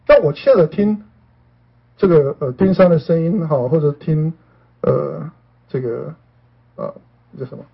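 A man's voice: fairly high pitch, unhurried, vocal fry, long pauses, husky. A man talking casually to his listeners as a show host, often asking if they follow him and mixing in English words. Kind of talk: conversational talk to listeners. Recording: dull lo-fi recording.

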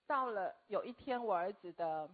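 A woman, telling a personal story earnestly and haltingly as a guest. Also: mid-range voice, animated. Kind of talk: personal testimony. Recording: tinny phone-like audio.

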